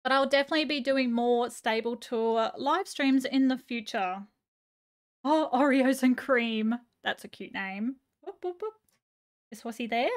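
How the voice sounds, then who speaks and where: A bubbly woman streaming live chats casually in a high voice, greeting viewers and gushing as she reads chat aloud. She keeps a measured pace, though her voice is getting a little hoarse.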